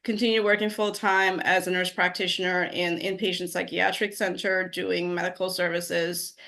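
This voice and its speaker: A nurse practitioner from Guyana, a woman in her forties, tells her story as an interview guest, using many fillers and laughing easily. Her voice is lowish and fairly bright, with flat delivery at a normal speed.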